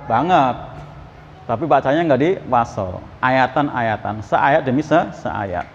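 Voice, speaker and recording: A man's voice: medium pitch, animated, a little hiss or hum. Man preaching in an echoey mosque. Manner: explains by asking the audience questions and slowly reciting Arabic verses. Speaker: ustadz giving Quran exegesis. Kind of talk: mosque study sermon. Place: mosque hall. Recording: muffled, echoey mosque hall.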